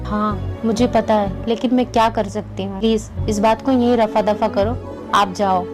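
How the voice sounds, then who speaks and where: A woman's voice: mid-range voice, steady tone, normal speed, close to an everyday voice. A woman playing a young wife who puts up with mistreatment, speaking in a pleading, resigned way in an amateur family drama. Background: background music.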